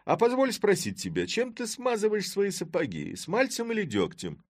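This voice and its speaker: Man putting on a raised, lively, boisterous Cossack for a storybook reading; mocking and loud. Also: high voice, normal speed, no room sound, studio quality, voice pushed up, heavily acted. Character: boisterous middle-aged Cossack man, blustering and sly.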